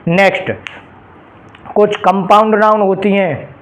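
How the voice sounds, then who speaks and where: High-voiced, slow-speaking male grammar teacher. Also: steady tone, poor audio. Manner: explains in Hindi, slowly reading out English example phrases; addresses students directly and checks understanding with rhetorical questions. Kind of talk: exam-prep grammar lesson.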